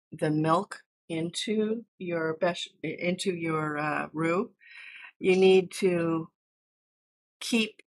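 American woman, cooking stream host, chatty and explanatory, slow easy delivery. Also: fairly low pitch, a bit bright. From United States. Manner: chatty, explains steps while cooking and answers chat. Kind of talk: casual cooking livestream chat. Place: home kitchen.

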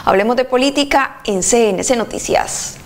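A woman presenting the evening news in a steady, formal read. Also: on the high side, normal speed. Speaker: news anchor.

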